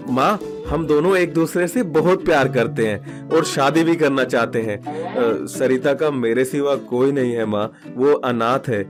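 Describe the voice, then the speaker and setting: A man voicing an earnest young husband and son in an animated story, gently reassuring. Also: mid-range voice, measured pace, lightly acted. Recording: background music under the voice.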